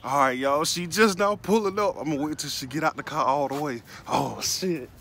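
A man's voice: on the high side, fairly quick, fairly bright tone, a little hiss or hum. A man in his thirties chatting casually as a prankster host, slangy and swearing, into a phone. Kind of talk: casual vlog chat.

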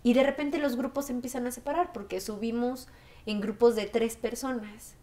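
A woman in her thirties with a Mexican accent tells her story in a documentary interview. Her voice sits fairly high. She acts out the people she quotes with lively energy. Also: moderate pace. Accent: Mexican Spanish.

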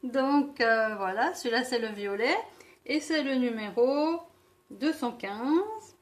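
A woman reviewing beauty products in a casual vlog, talking with many fillers and pauses. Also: on the high side, lively intonation. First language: not English. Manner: slow, hesitant, many fillers. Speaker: beauty vlogger.

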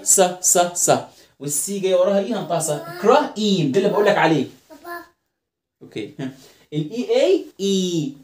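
A man's voice: on the high side, darkish tone. Egyptian man drilling English words. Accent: Egyptian Arabic. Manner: drills pronunciation, repeating words many times. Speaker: English teacher. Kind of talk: classroom phonics lesson. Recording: roomy echoing room.

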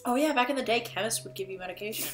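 A woman's voice: on the high side, racing. A woman playing a video game and commenting casually, crude, joking and rambling as she goes. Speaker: game player. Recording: echoey room with game music.

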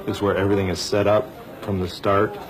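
A man's voice: on the low side, level tone, quick pace, crowd noise, low-quality recording. A man speaking as an animation layout artist, explaining his work in a documentary interview. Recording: noticeable background noise.

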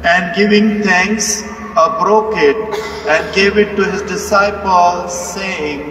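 A man, a priest, reciting the prayers of the Mass in a measured, solemn manner, his voice echoing through a large cathedral. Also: high voice. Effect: cathedral echo. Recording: echoey cathedral, distant mic, faint hum.

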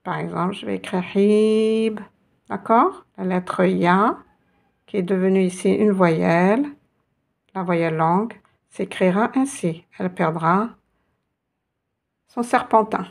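A woman teaching an online language lesson, slow and patient, often repeating sounds for her students. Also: fairly low pitch, gravelly. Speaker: Arabic teacher.

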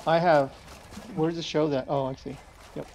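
A man in casual gaming chat, talking fast and repeating words as he plays. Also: a little high, fairly even intonation, a little mellow, a little hiss or hum.

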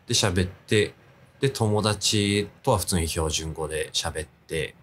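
A man's voice: sits low, a little slow, fairly bright tone, slight background noise. A young man talking casually as an interview guest, laid-back and hesitant, thinking aloud as he goes. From Japan.

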